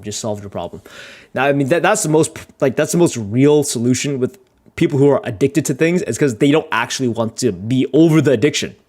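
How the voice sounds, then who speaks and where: A young man livestreams his editing work, filling the time with relaxed, rambling talk and jokes about himself. He swears offhandedly and laughs often, and telling stories makes him louder and higher.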